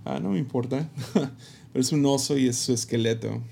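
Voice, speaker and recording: A man who is a pastor, telling a personal story to camera in a reflective, halting way with many fillers. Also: medium pitch, gravelly, warm tone, slight background noise. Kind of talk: casual personal testimony to camera.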